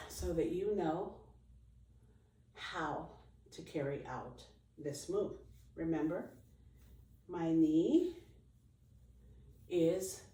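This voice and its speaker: A woman's voice: on the low side, warm tone, a little hiss or hum. A woman leading an exercise class as an aerobics instructor, giving short encouraging commands, counting reps and cueing form. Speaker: fitness instructor leading a chair workout. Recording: roomy echo, distant microphone.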